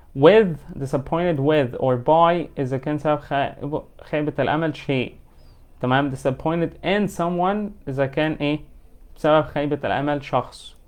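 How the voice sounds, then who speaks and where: A man with an Egyptian Arabic accent teaching an English lesson, explaining in colloquial Arabic and reading English example sentences slowly and carefully. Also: mid-range voice, clean tone.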